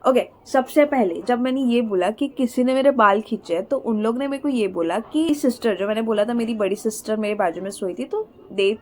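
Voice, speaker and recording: A woman's voice: on the high side, moderate pace, hardly any pauses, darkish tone. A young woman tells a personal ghost story in casual, rambling talk, mixing in English phrases as she does her makeup. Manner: rambling, switches between Hindi and English mid-sentence. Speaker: vlogger.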